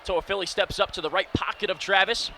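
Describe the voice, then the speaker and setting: This early-twenties radio announcer has a high, gravelly voice and a brisk delivery, snapping out live football play-by-play with energy. Constant stadium noise fills the background at his broadcast spot in a domed stadium.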